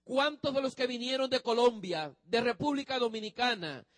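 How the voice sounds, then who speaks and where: Male pastor, sermon, high-pitched voice, dry close sound, emphatic, drawn-out phrase endings. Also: a bit bright, no echo. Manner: emphatic preaching, addresses the congregation directly.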